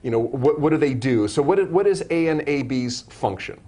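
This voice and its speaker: A man's voice: mid-range voice, lively intonation, normal speed, warm tone. A man hosting a live web broadcast interview, asking long, rambling questions full of restarts and self-corrections. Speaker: show host.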